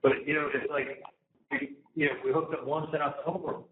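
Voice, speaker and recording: A man's voice: a little high, flat delivery, moderate pace, slight background noise. A man on a prison phone, talking to his mother in an agitated, indignant way, repeating himself and swearing. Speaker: inmate calling his mother. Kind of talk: phone conversation. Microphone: prison phone handset. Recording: tinny echoey prison phone line.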